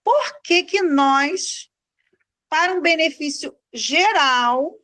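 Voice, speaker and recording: A woman's voice: high-pitched, expressive, slow, pushed and bright. A woman speaking in a spiritual group conversation, searching for her words as she talks. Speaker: participant in a spiritual group meeting.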